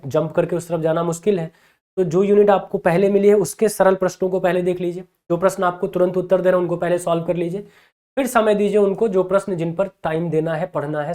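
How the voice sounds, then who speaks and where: A man's voice: high-pitched, darkish tone. A male teacher with a Hindi accent gives exam advice to students in an encouraging tone. He keeps checking in with them through a repeated "theek hai na". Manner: encouraging, repeats "ठीक है ना" often.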